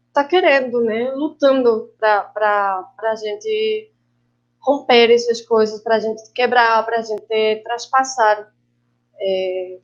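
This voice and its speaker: Colombian woman, Spanish native, guest panelist, halting reflective delivery, slightly high voice, dull video call audio. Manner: reflective, halting, slips Spanish words into Portuguese. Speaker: guest filmmaker and actress. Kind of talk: online panel talk.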